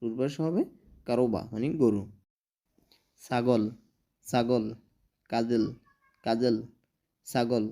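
Young male language tutor, unhurried and repetitive, soft warm tone, patient drill delivery. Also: mid-range voice. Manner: repeats each word slowly several times. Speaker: language teacher. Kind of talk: vocabulary lesson with repetition.

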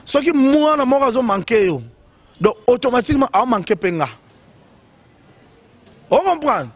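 A man's voice: very high voice, very animated, unhurried, no room sound. A man giving casual, emphatic commentary on music news in short bursts full of fillers.

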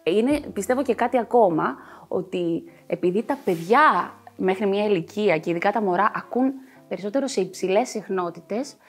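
A woman's voice: medium pitch, animated, soft background music. A woman working as a voice coach, explaining her work in a TV talk show interview with many fillers.

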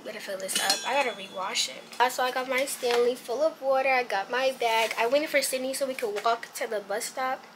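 A woman's voice: fairly high pitch, a little fast, hardly any pauses, background noise. A teenage girl chatting casually to her vlog camera, full of slang and fillers. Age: teens. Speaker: vlogger. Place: kitchen, then street and gym. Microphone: handheld camera at arm's length.

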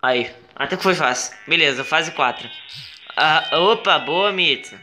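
A man with a Brazilian accent doing gameplay commentary, exclaiming, swearing and pleading at the game, with sudden high yelps. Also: a little slow, sharp tone, soft background music. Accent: Brazilian Portuguese. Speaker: gaming video creator.

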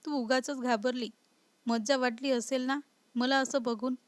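A woman narrates the part of a young husband teasing his wife again and again, pitching her voice slightly high with a mocking lightness. It's recorded close and dry, free of echo, her delivery steady and measured.

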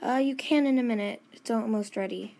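A woman's voice: fairly high pitch, fairly quick, warm tone, close to an everyday voice. Woman doing a weary mother of two, grumpy and sighing, in a home-made skit.

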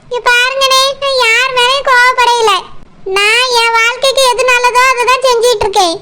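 A woman's voice: very high-pitched, steady tone, normal speed, bright, forceful tone. Woman voicing an indignant young village woman. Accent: Tirunelveli Tamil. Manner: indignant, arguing.

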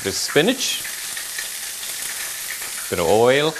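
A man in his thirties, a chef, draws out his words in a mid-range voice while demonstrating a recipe, offering laid-back step-by-step guidance as he cooks. The indoor home-style kitchen is noisy with sizzling pans.

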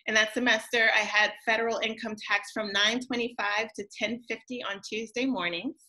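A woman in her forties, a professor telling a story in a conversational, deliberate speech over a video call. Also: mid-range voice, bright, forceful tone, low-quality recording. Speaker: law school professor giving closing remarks. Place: indoors on a group video call.

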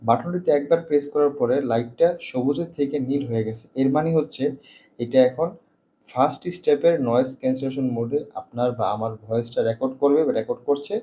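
A man talks quickly and mellowly, demonstrating a product step by step indoors. His voice passes through noise-cancelling processing that leaves audible noise reduction artifacts, with a faint hum of background noise underneath. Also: mid-range voice, warm tone, rough recording. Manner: explains step by step with fast, repetitive phrasing. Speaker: tech reviewer. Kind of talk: product demo.

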